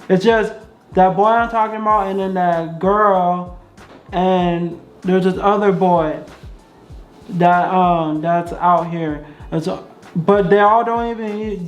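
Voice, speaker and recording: A vlogger hosting a casual storytime vlog, slowly rambling and repeating points. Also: mid-range voice. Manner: slow, rambling, repeats itself. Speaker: vlogger host. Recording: echoey, dull lo-fi room sound.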